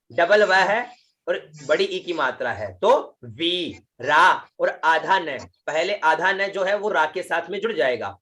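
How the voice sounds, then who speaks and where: A man teaching Vedic chanting in an online lesson. He draws out each syllable slowly and patiently explains how to pronounce it, often checking in with the listener. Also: high-pitched, fairly bright tone. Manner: slow, drawn-out syllables with chanted demonstrations.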